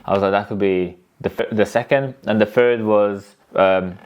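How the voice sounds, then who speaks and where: A man's voice: lowish voice, steady tone, moderate pace, lo-fi sound. A man teaching tattooing in a casual, rambling way, often restarting his sentences. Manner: rambling, restarts often, acts out client talk. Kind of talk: casual spoken lesson.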